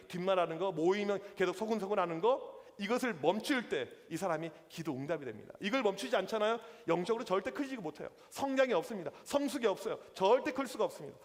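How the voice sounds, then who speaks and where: A young man preaching a youth sermon as pastor, telling stories and acting out the lines of people in them. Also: sits high. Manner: lively storytelling with acted-out quotes. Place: church hall. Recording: reverberant church hall.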